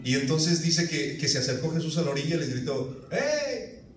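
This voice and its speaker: A man, preaching a sermon as pastor, telling lively stories and acting out voices. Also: a little high, a little fast, background noise. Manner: animated storytelling with acted-out voices. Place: church hall. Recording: echoey church room, mic at a distance.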